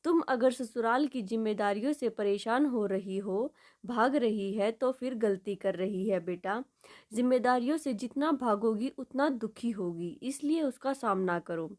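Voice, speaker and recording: A woman storyteller voicing a caring middle-aged mother who speaks softly and soothingly to her grown daughter in a told story. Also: on the high side, measured pace, close to an everyday voice. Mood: tender.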